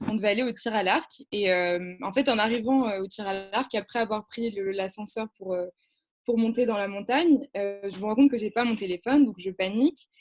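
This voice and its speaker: A woman's voice: medium pitch, brisk, slight background noise. A young woman, a camp counselor, telling an anecdote as a guest on a radio show, hesitating often and laughing at herself. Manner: hesitant, many fillers and restarts, laughs at herself.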